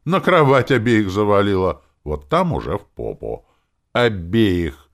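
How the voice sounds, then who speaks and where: A man's voice: fairly low pitch, sing-song, unhurried, pitched above the performer's own voice. A man reading an audiobook voices a brash, foul-mouthed female demon who talks in a sly, mocking, swaggering way. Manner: sarcastic, swaggering, swears freely.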